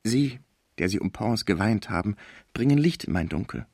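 A man voicing a lonely, grieving, naive old male musician who speaks softly and pleadingly. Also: on the low side, expressive, normal speed, gravelly, dry recording, studio quality.

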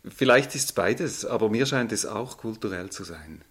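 A man from Switzerland with a Swiss German accent, calmly answering interview questions as a seminar leader, with occasional hesitations. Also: on the low side, normal speed, slightly rough. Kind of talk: conversational interview.

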